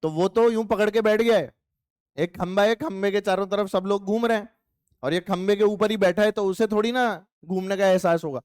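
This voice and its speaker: A man's voice: high voice, fairly even intonation, normal speed, a little mellow, clean tone, dry recording, studio quality. A male physics teacher giving a playful, chatty classroom lecture and teasing his students.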